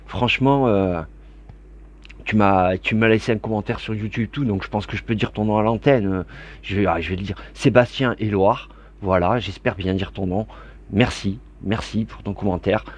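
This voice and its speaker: A man's voice: on the low side, moderate pace. Man for a casual tabletop rules video: rambling, giggly, talking straight to his subscribers. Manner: rambling, chatty, laughs often, many digressions; warm and grateful toward viewers. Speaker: board game YouTuber. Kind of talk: casual rules explanation to camera.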